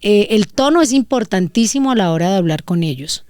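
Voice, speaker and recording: A woman in her forties with a Valle del Cauca Colombian accent, giving parenting advice in an animated, casual way. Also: mid-range voice, brisk, no echo, clean studio sound. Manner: animated, acts out examples in voices. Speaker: guest parenting expert.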